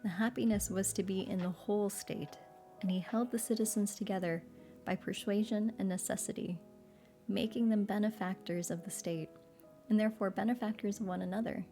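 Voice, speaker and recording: Woman reading a wise old philosopher guy, calm and patient, mellow and soft for sleep. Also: medium pitch, brisk, soft background music, lightly acted.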